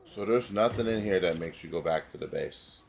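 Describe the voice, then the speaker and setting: A gaming streamer with a stuffy nose and a low, creaky voice gives fairly quick, rambling, casual commentary, often confused by the controls and mocking himself. His voice plays over game music, with a little hiss or hum in the recording.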